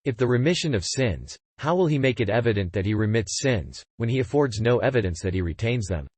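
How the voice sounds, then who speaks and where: A man giving a measured, declamatory scripted reading. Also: medium pitch, expressive, darkish tone, dry recording. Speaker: reader.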